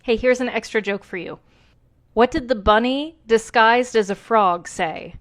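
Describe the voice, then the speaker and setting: A woman's voice: fairly high pitch, measured pace. A woman introducing herself as a voice actor, with an upbeat, joking manner.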